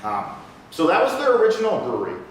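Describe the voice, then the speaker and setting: A man's voice: high-pitched, wildly swooping pitch, fast. Guy giving a laid-back talk to a crowd, jokes around, sounds far off in a big echoey room. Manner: casual, joking, chatty with the audience. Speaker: lecturer on local brewing history. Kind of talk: public lecture with audience questions. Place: lecture room with a live audience. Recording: echoey room, voice from off mic, faint hiss.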